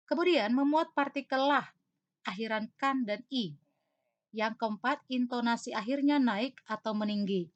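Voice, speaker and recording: A woman teacher giving an online grammar lesson in a measured, explanatory way, counting points off in order. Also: mid-range voice, dry recording. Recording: dry, dull lo-fi recording.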